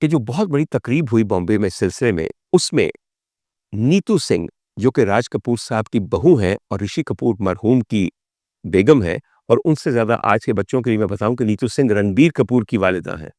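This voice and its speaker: This man's voice sits on the low side, animated and darkish, at a moderate pace, captured dry in studio quality. As a vlog host with a Pakistani accent, he narrates film history theatrically and formally. He poses rhetorical questions, formally addresses his audience, and slips English phrases into his speech.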